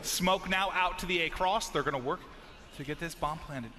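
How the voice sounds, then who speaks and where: A man's voice: on the high side, moderate pace, noisy background. A man commentating as an esports caster, calling play-by-play in emphatic, punchy short phrases.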